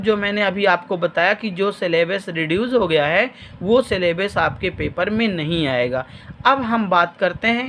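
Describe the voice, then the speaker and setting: A man's voice: sits high, fairly bright tone, a little hiss or hum. A man with a Madhya Pradesh Hindi accent, a chemistry teacher explaining an exam blueprint over a shared screen and telling students plainly what to study. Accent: Hindi-speaking Madhya Pradesh.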